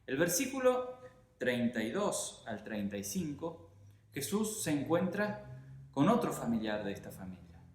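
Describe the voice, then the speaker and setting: A male pastor with an Argentine Spanish accent delivers a sermon, pausing often and stressing key words. His voice sits at an ordinary middle pitch. The recording carries a roomy echo, as in a church. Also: big pitch swings, a little mellow. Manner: measured, emphatic preaching with pauses.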